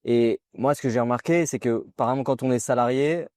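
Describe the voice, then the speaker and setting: A man hosting a casual interview, talking in a relaxed, chatty way with many fillers and slangy asides. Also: medium pitch, brisk, dry recording, clean studio sound. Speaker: host.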